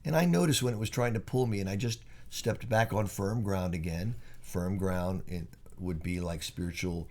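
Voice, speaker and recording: An older man with a fairly low voice chats casually, drifting from one story to the next. His delivery is relaxed and rambling. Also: normal speed, hardly any pauses. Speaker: co-host. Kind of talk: casual chat. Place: in bed on vacation.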